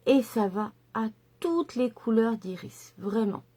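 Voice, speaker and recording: A woman's voice: on the high side, expressive, slow pace, mellow. A middle-aged woman chatting enthusiastically through a makeup tutorial, with lots of fillers and asides. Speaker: makeup vlogger.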